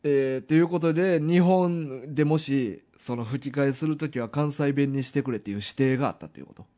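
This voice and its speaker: A man's voice: mid-range voice, warm tone. A man with a Kansai accent, co-hosting a podcast in casual, teasing banter. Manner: teasing, quick banter in dialect. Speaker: podcast co-host. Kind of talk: casual chat.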